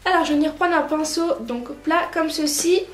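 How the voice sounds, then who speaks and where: A woman narrating a makeup tutorial as a vlogger, chatty and relaxed with lots of filler words. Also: high-pitched, normal speed. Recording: roomy echoey room, faint music.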